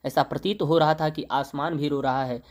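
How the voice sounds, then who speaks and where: Reciting verse slowly and then restating it plainly with fillers, a young male teacher walks through a poem one line at a time. He has a fairly high pitch and a steady tone.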